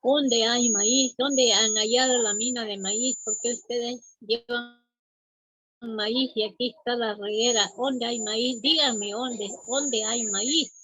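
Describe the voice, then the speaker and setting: A woman's voice: on the high side, steady tone, slow, fairly bright tone, no echo, rough recording. A woman voicing a demanding old witch in a folk tale, asking the same question again and again. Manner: insistent repeated questioning.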